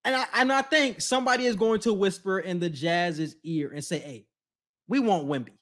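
Male co-host with a high voice, relaxed and slangy, casual sports talk. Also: fairly quick. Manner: laid-back, laughs often, slangy. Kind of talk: casual basketball chat.

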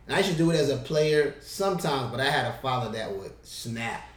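A man co-hosting a casual basketball podcast as an assistant coach, animated and playful, slipping into slangy bench banter. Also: mid-range voice, a little fast, far from the mic. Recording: roomy sound, voice off-mic.

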